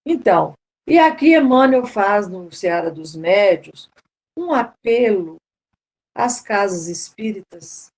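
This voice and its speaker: A woman's voice: medium pitch, animated, slow, a little mellow. Brazilian woman, seminar speaker, informal and chatty, with frequent restarts. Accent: Brazilian Portuguese. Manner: conversational, repeats words and adds "né?" often. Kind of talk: informal spiritual seminar talk.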